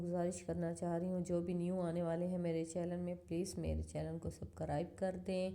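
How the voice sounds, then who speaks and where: Dark, soft-spoken woman narrating family vlog. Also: on the low side. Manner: soft, steady, conversational storytelling. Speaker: family vlogger and mother. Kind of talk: casual voice-over narration of home video.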